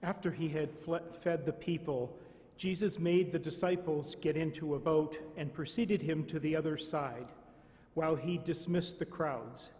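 A man, a priest, reading the Gospel at Mass in a slow, measured way, with a cathedral echo around his voice. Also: on the high side, steady tone, darkish tone. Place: large church. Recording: long cathedral reverb.

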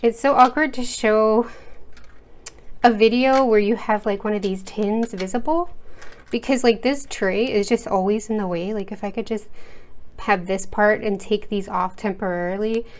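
A steady, medium-pitched female voice moves at a moderate pace as an American art channel host talks through her work at a home desk. Her chat is casual and rambling, with frequent fillers and restarts, and she stays off-screen under an overhead camera.

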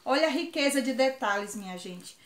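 A woman's voice: high voice, lively intonation, normal speed, roomy sound. A woman from Ceará with a Northeastern Brazilian accent, chatting effusively and exclaiming often as she unboxes on her vlog. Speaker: vlogger.

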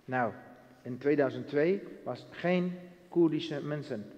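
Man with a high voice. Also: slow pace, darkish tone, dull audio. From Iraq. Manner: earnest storytelling in broken Dutch, acting out dialogue. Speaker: guest giving testimony. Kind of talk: personal testimony interview. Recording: long hall reverb.

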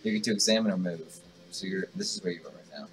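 A man's voice: fairly low pitch, huge pitch swings, quick pace, gravelly, slight background noise. A young man casually commenting on a game with a friend, playfully reading story text aloud. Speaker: let's play co-player.

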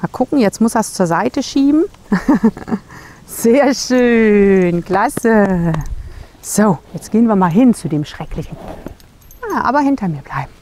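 A woman's voice: medium pitch, animated, slow pace, long pauses. A woman horse trainer coaxing and soothing a horse during groundwork, praising it often and adding brief asides to the viewer. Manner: talks gently to the horse, with short asides to the viewer.

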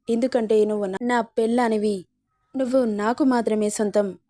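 A woman's voice: on the high side, dark tone, no room sound, clean studio sound, natural voice. A woman voicing a possessive, domineering young husband in a story reading, talking in a commanding way.

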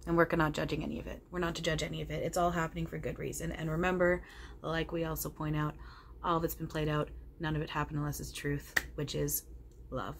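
Low-voiced, blunt male spirit channeled by a woman medium. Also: flat delivery, quick pace, creaky. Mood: reassuring. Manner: emphatic, profane, reassuring, preachy. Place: home living room. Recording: noticeable background room noise.

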